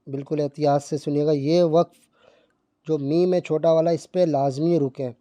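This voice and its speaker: A man teaching Quran reading in Urdu, explaining patiently and reciting verses slowly. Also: a little high, steady tone, warm tone, no room sound. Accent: Pakistani Urdu.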